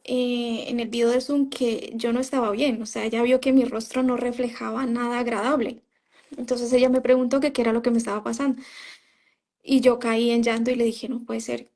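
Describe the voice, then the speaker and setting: A woman's voice: a little high, flat delivery, moderate pace, darkish tone. A woman giving a personal testimony in an interview, telling her story in a conversational way and often quoting what she said at the time. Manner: storytelling, often quoting herself, frequent "¿sabes?" and "o sea". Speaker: interview guest, former member of a religious group.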